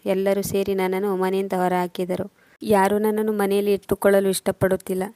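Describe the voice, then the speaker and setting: Tearful elderly mother-in-law as a woman storyteller puts her on, low-key and mellow. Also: completely flat delivery, fairly quick, no echo, lightly acted. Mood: remorseful. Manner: tearful, self-reproaching.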